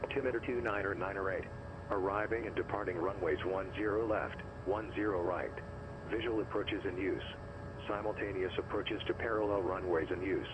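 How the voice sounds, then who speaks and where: A man's voice on an automated airport weather broadcast, reading items in a flat, clipped, list-like way over a radio channel. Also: deep voice, moderate pace, background noise. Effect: automated airport weather broadcast heard over the radio. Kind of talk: recorded broadcast read-out.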